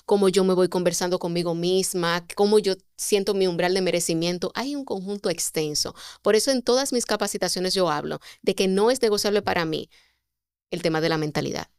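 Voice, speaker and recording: Woman mentor, smooth and dry. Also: on the low side, no echo. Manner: expressive, poses rhetorical questions. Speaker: communication mentor. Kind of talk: podcast guest explaining.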